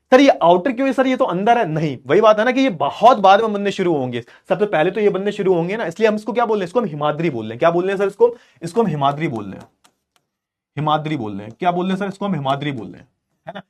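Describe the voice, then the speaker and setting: A male teacher giving an exam-prep lecture who repeats key terms, asks rhetorical questions and explains while drawing on a board. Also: sits high.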